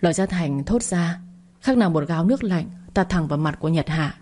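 A woman narrating a serialized story in a steady, even reading. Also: lowish voice, fairly quick.

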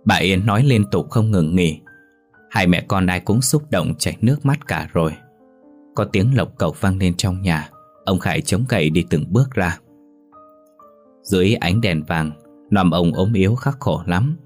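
A man narrating a story in a steady audiobook delivery. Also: deep voice, a little slow. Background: faint music.

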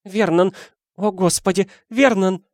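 Fretful aunt in a storybook reading, a man raising his voice for her; trembling and high, dry close sound. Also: normal speed, darkish tone, clean tone, no echo, close to an everyday voice. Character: anxious shrill middle-aged aunt.

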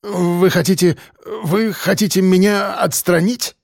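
A man's voice: on the high side, expressive, normal speed, a little mellow, dry recording. Man voicing a aging male professor, nervous, irritable, hesitant, dry sound. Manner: hesitant, defensive, stammering.

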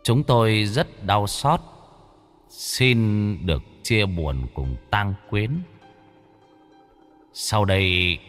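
A man's voice: lowish voice, extremely slow, pauses often, a bit bright, long reverb tail, faint music behind. A man voicing an older neighborhood head who reads a eulogy solemnly, fumbling and hesitating.

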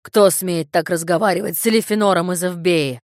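A woman's voice: on the low side, steady tone, brisk, no echo, clean studio sound, natural voice. Woman doing a pompous glutton, blustering. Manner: blustering, threatening. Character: fat greedy pompous grown man.

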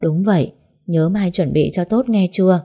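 A firm grandmother past seventy giving orders to the family, as a woman storyteller puts her on. Her voice is low and mellow. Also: normal speed, breathy edge. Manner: firm, instructing.

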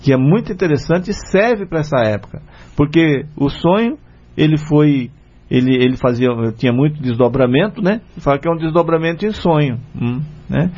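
A man's voice: fairly high pitch, moderate pace, darkish tone. A man with a Brazilian Portuguese accent hosts a spiritist radio program in earnest, conversational talk, often adding "né?". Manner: earnest, retells a story with many "né?" fillers. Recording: dull lo-fi radio recording.

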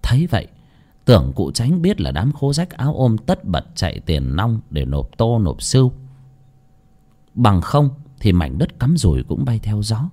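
A man narrating a ghost story with a lively, dramatic reading. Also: fairly low pitch, unhurried.

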